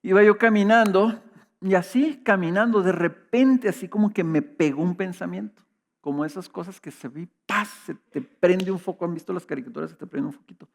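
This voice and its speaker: A middle-aged pastor from Mexico preaches a sermon with a high, gravelly voice at a fairly quick pace. He tells personal stories conversationally and poses rhetorical questions.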